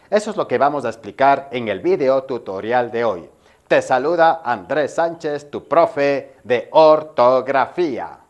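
A man from Ecuador, a spelling teacher, explaining grammar rules step by step in a video tutorial and checking in with the viewer as he goes. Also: medium pitch.

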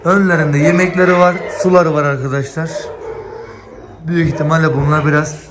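Guy touring a shelter on camera, kinda high voice, dogs barking all around, noisy outdoor clip. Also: little pitch movement, a little fast. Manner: chatty, addresses viewers directly, talks gently to dogs. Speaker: vlogger touring an animal shelter. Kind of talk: casual walk-and-talk vlog.

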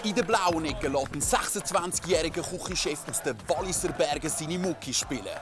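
A man hosting as a boxing ring announcer, a showman with drawn-out introductions. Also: on the high side, animated. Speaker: host and ring announcer of a cooking contest. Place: industrial hall with studio audience. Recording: loud music behind the voice.

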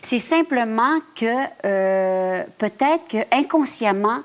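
A woman's voice: on the high side, expressive, slow pace. Thoughtful woman being interviewed. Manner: thoughtful, searching for words. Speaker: actress guest. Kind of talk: reflective interview talk.

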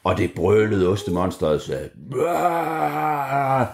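A man's voice: lowish voice, a little mellow. A man improvising a bedtime story for children, narrating playfully and animatedly with sound effects and ums.

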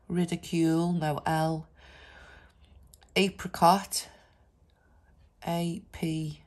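A woman with a head cold narrates her scratch card video in a relaxed, chatty way, reading off numbers and letters as she scratches. Her stuffy voice sits low and sounds a little mellow.

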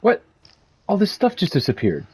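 Male gamer who giggles and teases, lively swinging pitch, game sounds clear behind. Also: normal speed, a little hiss or hum. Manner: giggly, teasing, cursing. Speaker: video game player. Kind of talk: casual gameplay banter.

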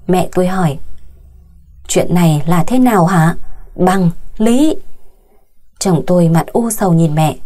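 A woman's voice: mid-range voice, warm tone, breathy edge. A woman narrating a scripted first-person audiobook story in an emotional, grieving manner.

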